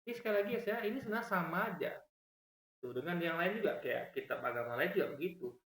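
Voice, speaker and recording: A man giving argumentative reaction commentary, explaining points over and over and swinging his pitch up and down as he talks. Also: expressive, quick pace, a bit bright, reverberant.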